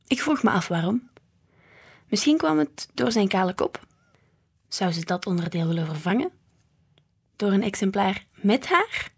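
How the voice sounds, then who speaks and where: Slightly breathy woman reading. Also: mid-range voice, very animated, measured pace, pauses often. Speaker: storybook reader. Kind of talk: children's book read aloud.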